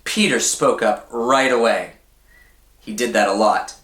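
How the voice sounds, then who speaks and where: A man reading a children's story aloud in an expressive, deliberate way, often putting questions to his young listeners. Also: on the low side, roomy sound. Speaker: church storybook reader for children.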